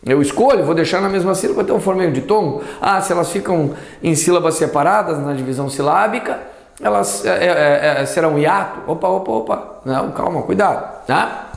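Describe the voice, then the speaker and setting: A man teaching a Portuguese grammar lesson, lively, asking and answering his own questions as he explains. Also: on the high side, a little fast, vocal fry, echoey room. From southern Brazil. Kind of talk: classroom lesson.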